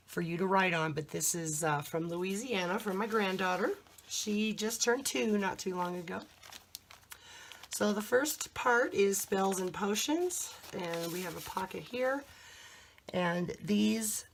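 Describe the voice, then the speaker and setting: A mature woman speaks in a slightly low, croaky voice, hoarse from throat trouble. She takes her time, very unhurried and hesitant, in the chatty style of a homemade craft vlog. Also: fairly bright tone, a little hiss or hum. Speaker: crafter presenting a handmade journal. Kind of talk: casual show-and-tell vlog.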